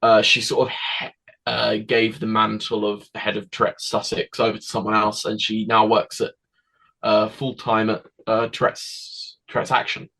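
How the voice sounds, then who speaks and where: A teenage boy, a guest telling his story in a rambling, halting way with frequent restarts. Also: lowish voice, monotone, creaky, pushed and bright, poor audio. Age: teens. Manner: rambling, halting, with many restarts and acted quotes. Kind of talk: casual interview storytelling.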